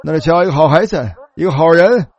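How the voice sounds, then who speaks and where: A man's voice: on the high side, a little fast, lo-fi sound. A man preaching a sermon, telling the story animatedly and calling out hallelujah.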